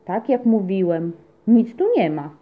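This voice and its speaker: A woman's voice: medium pitch, animated, a little slow, lightly acted. Woman doing a lazy grumpy tomcat, grumbling, reluctant, storybook audio, muffled lo-fi sound. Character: lazy comfort-loving grumpy male tomcat. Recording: dull lo-fi recording.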